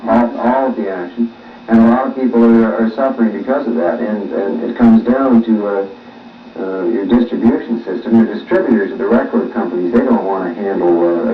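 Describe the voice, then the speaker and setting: A man, a musician, answering interview questions with many pauses and fillers, heard on old worn tape. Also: medium pitch. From Canada. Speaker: musician guest. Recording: echoey, distant, dull old tape with faint hiss.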